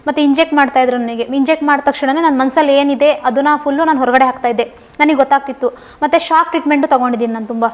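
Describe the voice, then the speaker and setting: A young woman giving a personal testimony in an interview, telling her story earnestly and repeating herself for emphasis. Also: sits high. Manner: fast, earnest storytelling with repetitions.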